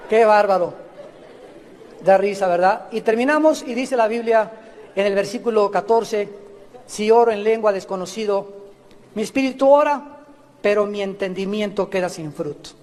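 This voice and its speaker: High-voiced preaching man in a hall. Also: moderate pace, pauses often, darkish tone, a little hiss or hum. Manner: emphatic preaching with humorous anecdotes. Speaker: pastor. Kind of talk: sermon. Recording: long reverb of a large hall.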